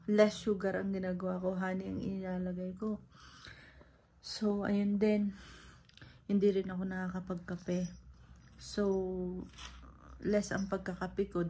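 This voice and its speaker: A woman's voice: on the low side, dark tone. Woman from the philippines just chatting to camera, lots of fillers, bit of noise behind. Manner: chatty, rambling, many fillers. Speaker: vlogger. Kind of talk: casual vlog chat.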